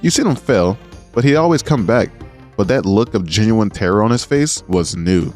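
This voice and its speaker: Lowish-voiced man narrating a retrospective. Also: animated, moderate pace, a little mellow. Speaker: video essay narrator. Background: music.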